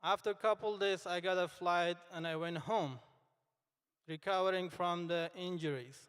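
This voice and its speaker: A young native Dari speaker from Afghanistan stands before graduates as commencement speaker, his high voice smooth, clear and a bit bright. He takes his time, sounding earnest and halting, while a long reverb carries through the vast hall.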